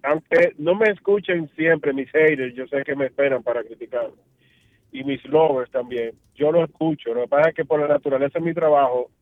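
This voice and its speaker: A man's voice: a little high, a little fast, no echo. A man calling in to a radio show, talking hesitantly with many fillers. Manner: hesitant, fills with "eh" and "escucha". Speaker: caller. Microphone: phone. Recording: phone line.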